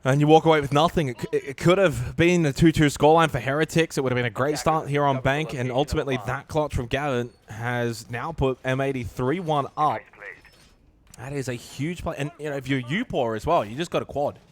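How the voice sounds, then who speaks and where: A man giving live esports play-by-play commentary, emphatic and excitable in delivery. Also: mid-range voice, fairly quick. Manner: excitable, emphatic calls in big moments.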